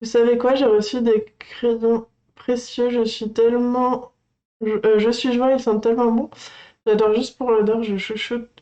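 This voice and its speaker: Excitable woman streaming an unboxing, highish voice, kinda muffled lo-fi audio. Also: moderate pace. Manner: gushing and excitable, chats to viewers. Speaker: coloring channel streamer. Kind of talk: casual livestream unboxing chat.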